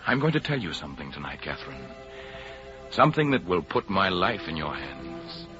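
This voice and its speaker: In a muffled old 1930s radio drama with music, a man plays an ardent aristocratic count, an earnest lover and patriot, declaiming romantically. His bass voice is very animated at a normal speed, and the mood is grave and confiding.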